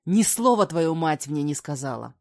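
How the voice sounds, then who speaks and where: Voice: medium pitch, normal speed, warm tone, lightly acted. A reader voicing a brooding, domineering young man who speaks with barely held anger. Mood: furious.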